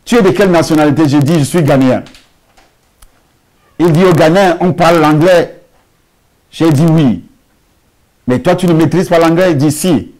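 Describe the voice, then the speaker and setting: A pastor preaching a sermon and telling a testimony, with emphatic, drawn-out phrasing and rhetorical questions. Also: male voice, a little high, a little mellow. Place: church hall.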